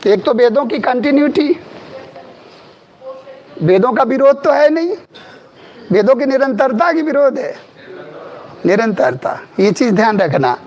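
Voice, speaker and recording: A man's voice: very high-pitched, big pitch swings, measured pace, pauses often, darkish tone. A middle-aged man giving a classroom history lecture. He talks emphatically, repeats key terms and asks his students questions. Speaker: history teacher.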